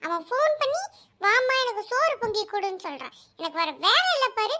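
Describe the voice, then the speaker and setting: A woman voicing a sharp-tongued older mother-in-law in a cartoon, taunting and bickering. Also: very high voice, big pitch swings, a little fast, exaggerated voice.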